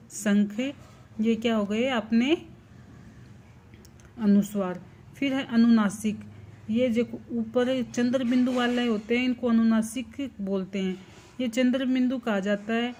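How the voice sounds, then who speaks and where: A woman teaching a primary class, explaining slowly and deliberately, spelling out sounds one at a time and answering her own questions. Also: a little high, darkish tone. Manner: slow and deliberate, asks the class questions and answers them herself. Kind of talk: slow explanatory lesson.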